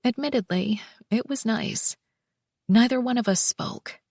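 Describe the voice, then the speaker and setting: A woman narrating a first-person romance audiobook, soft and slow, with breathy whispered passages. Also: a little high, no echo, clean studio sound.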